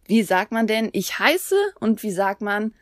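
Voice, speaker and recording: A woman teaching beginner Korean in a relaxed podcast lesson, pausing to model phrases slowly and clearly. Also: medium pitch, no echo, studio quality. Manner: explains patiently, slows down to model Korean phrases.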